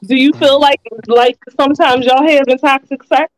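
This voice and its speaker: A woman's voice: sits high, fairly even intonation, normal speed, crowd noise, rough recording. A woman hosting a podcast who asks teasing questions and laughs often in casual chat. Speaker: podcast host.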